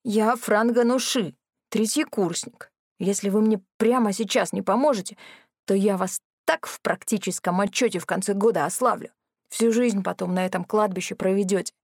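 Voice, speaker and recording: A woman's voice: mid-range voice, moderate pace, a little mellow, dry recording, studio quality, close to an everyday voice. A woman voicing a rude, arrogant young male student who snaps and then begs for help. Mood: pleading, threatening. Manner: snappy, then pleading.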